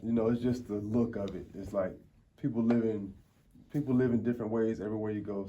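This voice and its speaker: A man's voice: fairly low pitch, dark tone, dull audio. A man, talking casually in street slang as an interview guest. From Tampa, Florida, United States. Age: 40s. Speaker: interview guest, food reviewer. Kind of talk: casual conversational storytelling.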